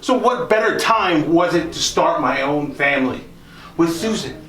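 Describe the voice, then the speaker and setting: A man's voice: on the high side, animated, normal speed, a crowd in the background, close to an everyday voice. Man playing a theatrical old-time country doctor, echoey room. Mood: reminiscing. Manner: theatrical, folksy, addressing listeners directly. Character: genteel 19th-century country doctor, proud, reminiscing, later grieving. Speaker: costumed tour performer. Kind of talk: in-character historical monologue to a live group. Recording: echoey room, live performance.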